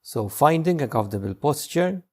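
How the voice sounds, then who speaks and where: A man with a fairly high, animated voice serves as the teacher for a guided meditation. He gives his instructions gently and without rushing, pausing at length between them.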